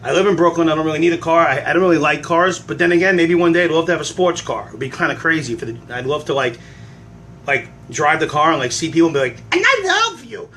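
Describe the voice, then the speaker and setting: Man, livestream host, bright and slightly high, rambling, self-deprecating home chat. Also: fast, a little hiss or hum. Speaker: livestream host answering fan questions. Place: at home cooking eggs. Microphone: phone.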